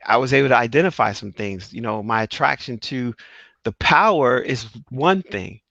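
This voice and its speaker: A man's voice: medium pitch, animated, normal speed, vocal fry, a bit bright, no room sound. Earnest middle-aged man telling his story. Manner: earnest, testimonial storytelling with emphatic repeats. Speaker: host. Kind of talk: casual interview talk. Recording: dry, slightly dull sound.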